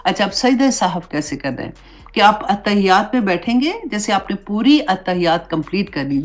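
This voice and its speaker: A woman religious teacher giving a conversational Islamic class lesson, mixing English words into her explanations. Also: mid-range voice.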